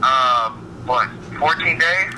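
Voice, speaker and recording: A man's voice: medium pitch, expressive, slow. Man on a speakerphone prison call, casual and easygoing, noisy distant line. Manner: short, easygoing replies. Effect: heard over a speakerphone prison call. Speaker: caller phoning in from prison. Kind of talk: casual chat.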